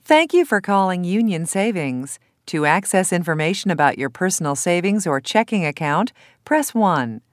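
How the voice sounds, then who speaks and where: Woman acting as phone menu voice, female, lowish pitch, scripted announcement, measured, instructional, dry studio sound. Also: sing-song, dry recording.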